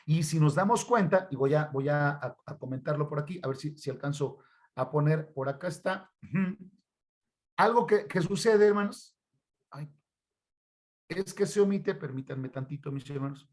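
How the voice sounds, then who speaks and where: A man's voice: on the high side, normal speed. A man with a Mexican Spanish accent teaching a Bible study workshop on a video call, often calling his listeners brothers and putting questions to them. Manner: addresses listeners as brothers, asks questions to the class. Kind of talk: online church workshop teaching.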